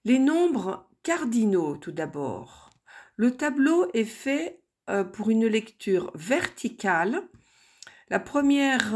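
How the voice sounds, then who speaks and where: Woman teacher, very slow, careful stress on syllables, recorded lesson. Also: mid-range voice. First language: French. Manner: slow, deliberate, stresses syllables when reading numbers. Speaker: English teacher.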